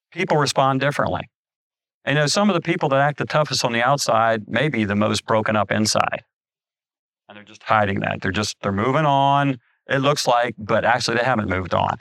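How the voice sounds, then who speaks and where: Middle-aged male pastor, gravelly tone, close and dry, talky sermon delivery with restarts. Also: on the low side, fairly bright tone, no echo. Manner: conversational preaching with frequent restarts and asides.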